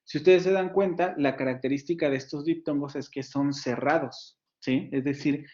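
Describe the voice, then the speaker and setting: A man with a Mexican Spanish accent giving a university phonetics lecture, explaining slowly, repeating example words and pausing with fillers. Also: a little high, fairly even intonation, a little mellow, dull audio. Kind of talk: online lecture to students.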